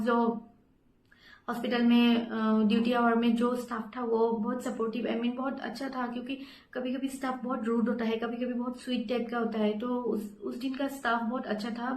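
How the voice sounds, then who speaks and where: A woman's voice: on the high side, echoey room. A young woman nursing student telling a personal story in a casual, rambling way, with many fillers and English words mixed in.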